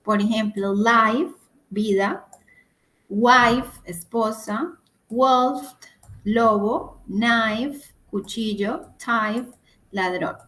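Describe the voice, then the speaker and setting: A woman teacher with a fairly high voice leads an online grammar lesson. She speaks slowly and deliberately, laying out each step and checking in often with her students. The sound is a plain computer mic on a video call. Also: fairly bright tone. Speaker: English teacher.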